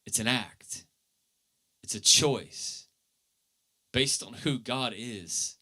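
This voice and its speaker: A man preaching a sermon as pastor, earnest, with his voice swelling loud and then dropping low. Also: drawn-out words.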